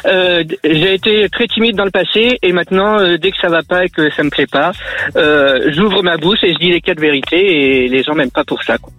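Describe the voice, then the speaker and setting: A man's voice: high voice, normal speed, fairly bright tone, no room sound, soft background music. A man in his thirties who calls in to a radio show and talks frankly about himself. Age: 30s. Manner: frank and talkative. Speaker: radio caller. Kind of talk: phone-in chat.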